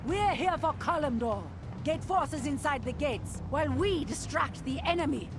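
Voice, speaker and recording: A woman's voice: high voice, lively intonation, normal speed. A woman voicing a proud, fierce elven warrior leader in a fantasy video game, commanding and declamatory. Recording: loud music behind.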